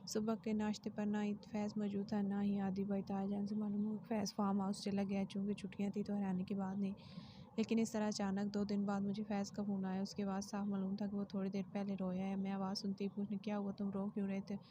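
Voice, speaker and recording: A woman narrating a novel in the first person, steady and even. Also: medium pitch, quick pace, highs cut off, noisy background.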